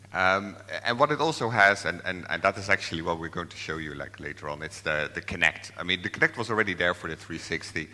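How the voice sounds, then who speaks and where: A man from the Netherlands, a software developer, gives a hesitant tech presentation at a conference, full of fillers and restarts. His voice is deep, bright, and forceful, heard in a large conference hall.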